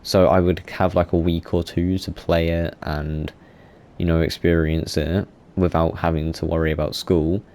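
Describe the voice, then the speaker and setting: Young man, late teens, very low pitch, casual gaming monologue, rambling with fillers. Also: little pitch movement, normal speed, a little mellow. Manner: rambling, self-correcting, many fillers. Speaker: gaming YouTuber.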